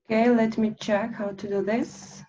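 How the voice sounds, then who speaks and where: A woman presenting a speech analysis in an online lesson, speaking slowly with many pauses and fillers over a video call. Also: on the high side, little pitch movement, warm tone, slight background noise. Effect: heard over a video call. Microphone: computer mic on a video call. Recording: dull lo-fi video call audio.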